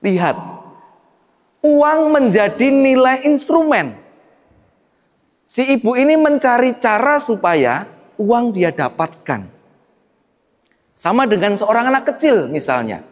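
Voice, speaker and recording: A priest giving a sermon, telling stories with acted dialogue and swinging between loud and soft. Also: male voice, very high voice, very animated, slow, long pauses. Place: church. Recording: echoey church hall.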